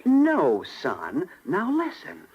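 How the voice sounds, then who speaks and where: An actor playing a small, flustered, folksy cricket who stammers earnestly, in a 1930s radio drama. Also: male voice, sits high, huge pitch swings, extremely slow, muffled recording, heavy background noise, exaggerated voice. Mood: encouraging. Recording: vintage 1930s radio broadcast with music.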